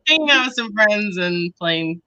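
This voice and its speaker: A woman on staff chatting casually with coworkers, laid-back and quick to laugh. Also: mid-range voice, expressive, pushed and bright, dull audio. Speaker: staff member.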